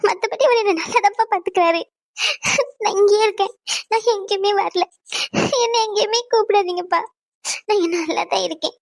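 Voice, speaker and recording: A woman's voice: very high-pitched, moderate pace, gravelly, long pauses, no room sound, studio quality. A woman voicing a young cartoon wife who dotes on her husband, talking in a coy, chirpy way. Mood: pleading. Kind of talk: cartoon dub acting.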